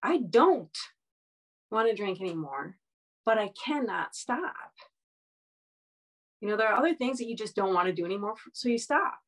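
A woman's voice: mid-range voice, big pitch swings, normal speed, long pauses, rough recording. Earnest woman telling her story. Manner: earnest, frank, many restarts. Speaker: interview guest. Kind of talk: candid personal story.

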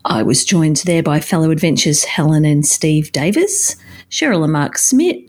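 A woman's voice: low voice, sing-song, moderate pace, darkish tone, slightly rough. An Australian woman hosting a podcast, moving between friendly chat and scripted segments. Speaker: podcast host.

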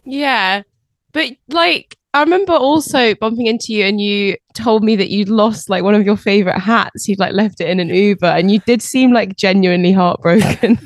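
A woman's voice: medium pitch, normal speed, dry recording. A woman interviewing a guest in a casual, teasing, chatty way. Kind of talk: casual podcast chat.

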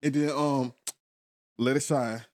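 A man's voice: mid-range voice, steady tone, takes it slowly, darkish tone. A man co-hosting a podcast in casual chat, joking, swearing and laughing often. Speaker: podcast co-host.

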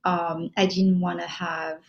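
Slow, hesitant woman from Morocco. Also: lowish voice, flat delivery, highs cut off. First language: Moroccan Arabic or French. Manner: hesitant, many fillers and restarts. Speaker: filmmaker guest. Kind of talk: interview answers.

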